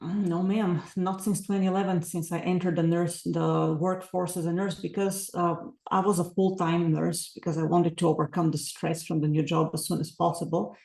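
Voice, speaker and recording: A woman's voice: lowish voice, little pitch movement, normal speed, gravelly, few pauses, a little mellow, reverberant. A woman, a podcast guest talking earnestly and reflectively with many fillers. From Bulgaria. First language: Bulgarian. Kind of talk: casual interview talk.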